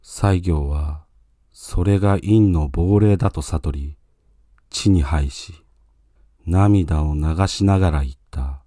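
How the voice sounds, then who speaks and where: A man narrating a scripted ghost story in a hushed, eerie, solemn manner. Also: sits low, takes it slowly, dry recording, clean studio sound.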